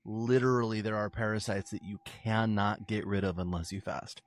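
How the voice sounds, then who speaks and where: A man's voice: on the low side, fairly even intonation, normal speed. A man talking in a casual podcast-style discussion.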